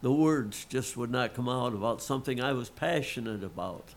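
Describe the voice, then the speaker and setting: A middle-aged lay pastor preaches a sermon in an earnest, folksy manner, speaking at normal speed with a medium pitch. A frog in his throat makes him clear it now and then.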